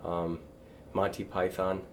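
A man in casual chat with friends, talking haltingly with many fillers and restarts. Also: low voice, flat delivery, a crowd in the background.

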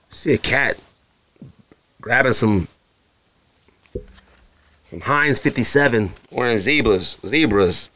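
An Arizona man hosts a casual solo podcast with a lowish, fairly bright voice. He tends to ramble in slang and often does impressions of other people.

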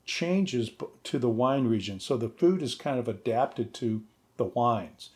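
A man's voice: mid-range voice, lively intonation, a little slow, a little mellow. A man speaking as a podcast guest, explaining things in a casual conversational way. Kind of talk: casual explanatory interview talk.

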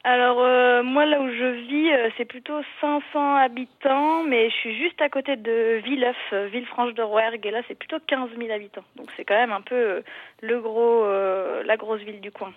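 Lady phoning in on a landline, kinda high voice, tinny and thin, lots of ums. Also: fairly even intonation, normal speed. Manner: hesitant, lots of fillers. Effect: over a landline phone. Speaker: guest on the phone. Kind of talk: casual chat. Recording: tinny landline phone line.

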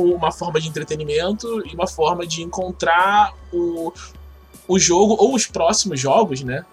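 A man with a Brazilian Portuguese accent talks casually as an interview guest, explaining things in a halting, informal way. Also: on the high side. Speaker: podcast guest, game project organizer.

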